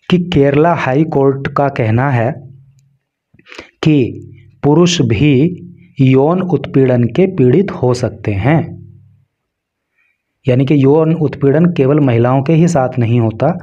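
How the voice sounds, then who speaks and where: Man, Hindi accent, English tutor, slow, mellow, explains word by word, muffled recording. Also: mid-range voice. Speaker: English teacher. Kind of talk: line-by-line newspaper translation lesson.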